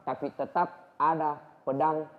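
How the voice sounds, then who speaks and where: Man, middle-aged preacher, storytelling sermon, high lively voice, loud shouted character voices, long hall echo. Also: measured pace, phone-quality sound. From Indonesia.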